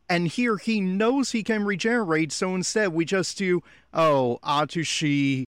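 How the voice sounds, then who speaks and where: A podcast host with a middling-pitched male voice gives blunt, exasperated critical commentary in reaction-podcast style. The recording is dry and close, with no room sound.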